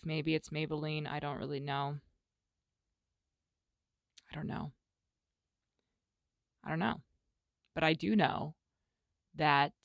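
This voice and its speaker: A young woman hosting a solo podcast from her home closet, chatting candidly in slang and moving between loud bursts and hushed asides. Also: deep voice, no room sound. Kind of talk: casual solo podcast chat.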